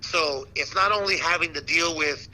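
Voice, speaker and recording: A man who works as a ring announcer, chatting casually as an interview guest and telling stories in a slangy, animated way. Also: fairly high pitch, moderate pace, poor audio. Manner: slangy, animated storytelling with repeated "man" and "dude". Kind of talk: casual chat.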